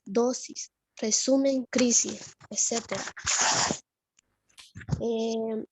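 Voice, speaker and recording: A woman's voice: fairly high pitch, a little mellow, dry recording. A woman student giving a class presentation, hesitant and with fillers.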